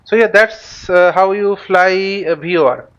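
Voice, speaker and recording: A man with a fairly high, fairly bright voice hosts a flight simulator tutorial, casually walking through the flight in short, halting phrases as he thinks aloud. The microphone sound is dull and lo-fi.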